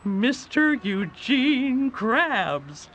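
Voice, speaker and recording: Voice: medium pitch, big pitch swings, fairly bright tone, highs cut off, soft background music, heavily acted. A performer voicing a nervous female pufferfish driving teacher in a game. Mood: fretful. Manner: slow, fretful apologizing.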